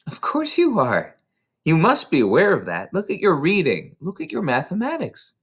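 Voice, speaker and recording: A man voicing a patient, careful woman schoolteacher in a storybook, with a measured, explanatory, cautioning manner. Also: high voice, wildly swooping pitch, a bit bright, slightly rough, pitched above the performer's own voice, heavily acted. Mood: thoughtful, careful. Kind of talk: children's storybook read aloud.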